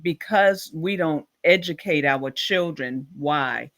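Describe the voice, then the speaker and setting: A man hosting an interview, speaking slowly and searching for his words. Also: on the high side, a bit bright. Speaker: host. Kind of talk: conversational interview.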